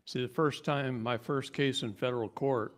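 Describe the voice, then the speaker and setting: A man speaking at a seminar in a mid-range voice, animated and joking with the room. When he gets worked up, his voice climbs noticeably higher. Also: moderate pace. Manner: animated, jokey, voice rises high when worked up. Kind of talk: live seminar talk.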